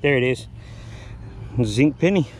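Guy out of breath in a field, rambling with lots of uhs, middle pitch, faint outdoor noise behind. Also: animated, unhurried, darkish tone. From Texas. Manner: rambling, with frequent filler words. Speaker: metal detecting vlogger. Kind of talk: casual narration while digging.

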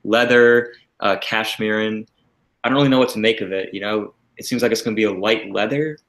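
A man co-hosting a livestream in casual chat, relaxed and talkative, laughing often and using lots of filler words. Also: lowish voice, a little fast. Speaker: livestream co-host. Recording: roomy echo.

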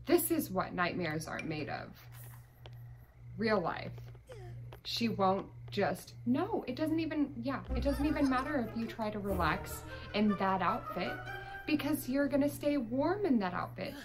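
A woman's voice: mid-range voice, expressive, unhurried, music in the background, poor audio. A woman giving chatty, exasperated commentary while playing a life-simulation game. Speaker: gaming YouTuber. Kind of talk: gameplay commentary.

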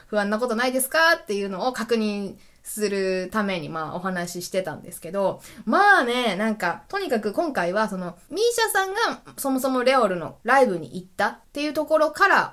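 A woman's voice: mid-range voice, a bit bright. A woman hosting her own web radio show alone, talking in a casual, enthusiastic way and laughing often, with a stuffy nose. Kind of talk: solo casual radio talk.

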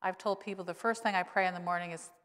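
A pastor in her sixties preaches a conversational sermon laced with wry humor into a church pulpit microphone, the sanctuary adding a long reverb. She speaks quickly with fairly even intonation and a fairly bright tone, though she says her voice has grown lower since an illness.

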